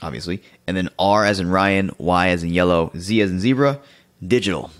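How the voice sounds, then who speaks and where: A man's voice: deep voice, a little fast. A man hosting a podcast, chatting casually and laughing easily with his guest. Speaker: podcast host.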